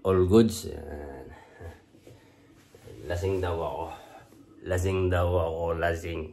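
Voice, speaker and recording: A man's voice: low-pitched, steady tone, takes it slowly, mellow. A man from the Philippines chatting casually to viewers in the morning, his voice thick and congested from a cold and sinus trouble, so some mistake him for drunk. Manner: loose and rambling, repeats a catchphrase often. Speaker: overseas worker vlogger.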